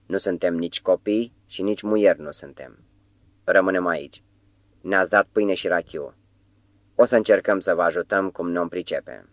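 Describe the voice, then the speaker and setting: A man doing a gruff, proud old-world diplomat. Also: low voice, no room sound. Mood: defiant. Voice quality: harsh, gruff. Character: harsh proud male diplomat, stubborn, defiant.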